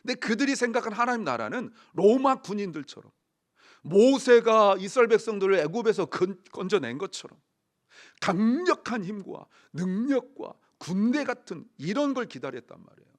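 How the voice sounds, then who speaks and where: A middle-aged man preaching a Sunday sermon from the pulpit. His voice sits fairly high and swings widely in pitch as he tells stories, slipping into the voices of the people he quotes. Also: normal speed. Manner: animated storytelling, acting out quoted voices. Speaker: pastor.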